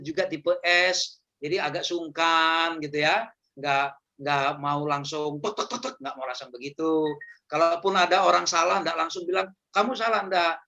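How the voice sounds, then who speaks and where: High, gravelly-voiced man joking with youth. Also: bright, forceful tone. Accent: Indonesian. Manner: chatty, joking, repeats words, laughs often. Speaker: youth seminar speaker. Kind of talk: casual humorous talk on personality types.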